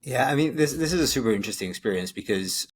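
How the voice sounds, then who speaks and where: A man's voice: mid-range voice, expressive, quick pace, breathy edge. Podcast host guy, grew up in costa rica and hungary, easygoing, lots of you know. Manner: chatty, thoughtful questions with fillers. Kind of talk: casual interview conversation.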